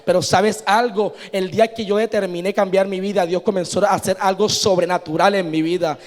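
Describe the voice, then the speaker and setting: High-voiced young man preaching in a hall. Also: fairly even intonation, brisk. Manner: conversational preaching, often asking "¿sabes?". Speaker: church leader giving testimony. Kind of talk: sermon testimony. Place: church hall. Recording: long hall reverb.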